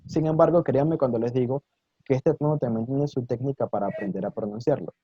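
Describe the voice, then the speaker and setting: A man's voice: mid-range voice, fairly quick, husky, no echo, dull audio. A man teaching an online Mandarin lesson in Spanish, patiently explaining and demonstrating tones with exaggerated intonation and encouraging his students.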